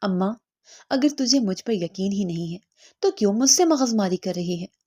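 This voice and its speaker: Woman doing a teary young village girl, hurt and defensive, warm low-toned storybook voice. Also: lively intonation, natural voice. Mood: bitter.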